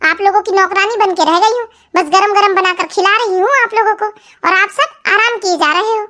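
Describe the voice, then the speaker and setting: A woman doing a very high, sharp-tongued young bride. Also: moderate pace, faint music behind. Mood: defiant. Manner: defiant, quarrelsome. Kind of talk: cartoon family drama voice acting.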